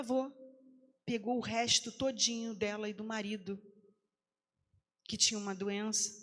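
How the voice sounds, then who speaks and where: A woman pastor telling a testimony in a sermon, acting out the voices in the quoted lines. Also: mid-range voice. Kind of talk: sermon storytelling. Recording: long hall reverb.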